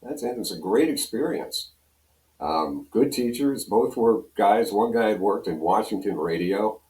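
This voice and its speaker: With a fairly low, expressive, slightly mellow voice and a measured pace, an older radio program director from Pennsylvania, USA, guests with casual, folksy, self-deprecating anecdotes. He sounds distant from the microphone, in a room with noticeable echo.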